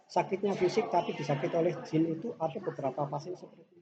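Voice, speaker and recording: A man, a clinic therapist explaining his treatments in an interview, unhurried and pausing on fillers. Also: a little high, crowd noise. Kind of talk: casual interview answers. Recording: dull lo-fi audio with background noise.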